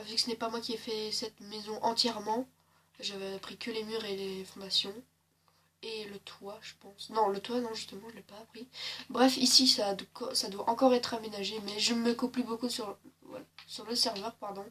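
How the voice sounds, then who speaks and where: A woman's voice: on the high side, fairly bright tone. Chatty woman doing gameplay commentary. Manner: chatty and joking, with many hesitations. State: slightly sore throat. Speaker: gaming channel host.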